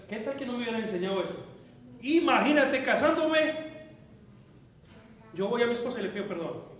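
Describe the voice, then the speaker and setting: A man preaching a sermon as a pastor. He delivers it in an animated way, swinging between loud and quiet and acting out quotes. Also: very high voice, far from the mic. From Colombia. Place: church sanctuary. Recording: very echoey church hall.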